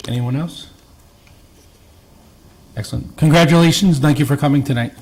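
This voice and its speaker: Brisk man chairing a board meeting. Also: a little high, darkish tone, slightly rough, rough recording. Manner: brisk, businesslike. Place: town hall council chambers.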